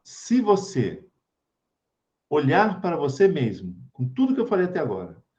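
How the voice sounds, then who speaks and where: A man's voice: fairly high pitch, huge pitch swings, normal speed, a little mellow. A man with a Brazilian accent giving an informal spiritual talk to a group over a video call, chatty and checking in with his listeners as he goes. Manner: chatty, keeps checking in with tag questions. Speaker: spiritist study group speaker.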